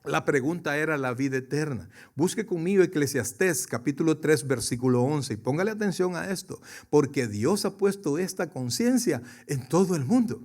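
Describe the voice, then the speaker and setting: A man preaching a sermon to his congregation, swinging from soft to loud and questioning his listeners directly. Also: on the high side, expressive, normal speed, hardly any pauses. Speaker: pastor.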